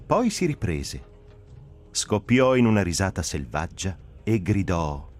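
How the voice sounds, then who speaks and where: A man reading a story aloud as narrator, with expressive, dramatic delivery. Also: sits low, measured pace, soft background music. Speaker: narrator reader.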